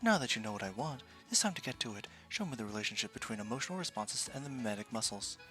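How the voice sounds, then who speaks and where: A man voices a curious, teasing young woman scientist from a video game. The delivery is wordy and clinical, with animated pitch and a bright edge. Music plays faintly behind. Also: fast talker. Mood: teasing curiosity.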